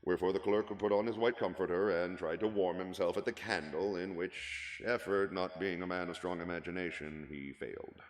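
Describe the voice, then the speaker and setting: A man doing a cold read of a classic story as narrator, with dramatic, expressive storytelling. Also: low-pitched, moderate pace, few pauses. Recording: echoey room with long reverb.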